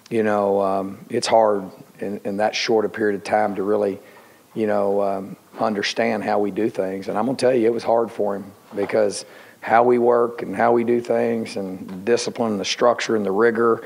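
A middle-aged football coach speaks into a table microphone in an indoor press room. His low voice is gravelly and stays fairly flat. He rambles, stopping and restarting his sentences around lots of fillers. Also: normal speed. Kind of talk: post-game press conference.

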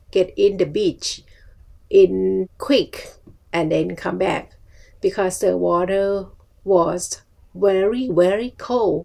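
A middle-aged woman from Thailand with a Thai accent tells a personal story to camera in halting, simple English phrases. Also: mid-range voice, creaky, dark tone. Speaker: vlogger. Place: small furnished room at home, indoors.

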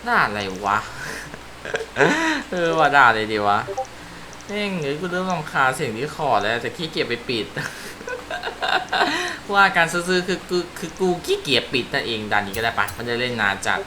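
A man's voice: mid-range voice, big pitch swings, quick pace, few pauses, noisy background. A Thai man giving casual, profane commentary while playing a racing game, laughing at his own mistakes. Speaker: gaming YouTuber. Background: car engine and game ambience.

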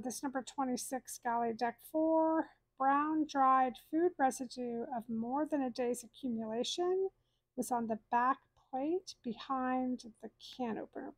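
A woman's voice: high-pitched, slow, dry recording, poor audio. A woman in her thirties hosting a cruise channel, reading scores aloud in a friendly, explanatory way from a room at home. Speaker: cruise vlog host. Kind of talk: casual walkthrough of data.

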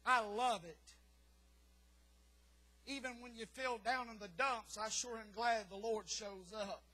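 A man preaching a fervent sermon in church, rising to shouts and dropping low, with many "uh" fillers. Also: measured pace, rough recording. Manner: fervent, rises to shouts then drops low, frequent "uh" fillers. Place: church sanctuary.

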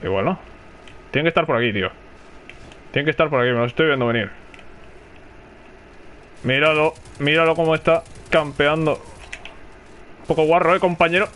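A man's voice: a little high, brisk, pauses often, fairly bright tone, slight background noise. A man with a Spanish accent from Spain, commenting live on his own gameplay, chatting and calling out to teammates. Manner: chatty, reacts aloud and calls to teammates. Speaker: gaming streamer.

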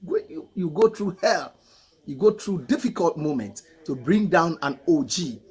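A middle-aged man with a husky voice, reacting to a song in casual commentary and repeating phrases for emphasis. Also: a little high, very animated, a little slow, a little mellow. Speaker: music reaction host. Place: indoor room, photo-covered wall. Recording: music playing faintly behind. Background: hip hop song.

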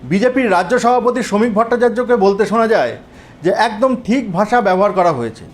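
A man narrating a political news report in a steady, earnest scripted delivery that addresses viewers as friends. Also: high voice, a little fast.

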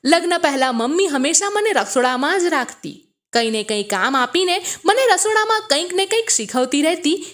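A woman narrating a first-person family story in an expressive reading voice. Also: high-pitched, moderate pace.

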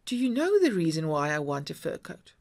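Woman as proud shrewd wife, coaxing, chiding, lively lilting voice, storybook reading. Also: low-pitched, brisk, full character voice. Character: shrewd, proud middle-aged Irish wife.

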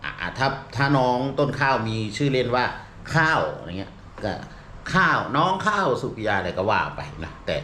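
A man's voice: mid-range voice, very animated, normal speed, bright, forceful tone. A middle-aged man, a comedian, explaining at length in a rambling casual way, full of fillers, restarts and polite particles. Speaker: comedian and show regular. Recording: echoey room with faint ambient noise.

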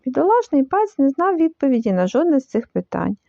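A woman reading a children's story aloud in an expressive, animated way. The recording is dull and lo-fi. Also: high-pitched, fairly quick, gravelly, no room sound. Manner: lively, animated, full of voices.

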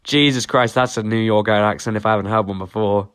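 A man's voice: on the low side, fairly even intonation, brisk, fairly bright tone, clean tone. A teenage boy doing sarcastic reaction commentary on a reality show, mocking and swearing freely. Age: teens. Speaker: YouTube commentator.

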